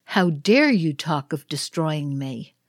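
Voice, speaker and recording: A woman voicing a cruel, cold dragon of winter in a read-aloud ritual play, slow and threatening. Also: low-pitched, lively intonation, no room sound, studio quality, heavily acted. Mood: menacing.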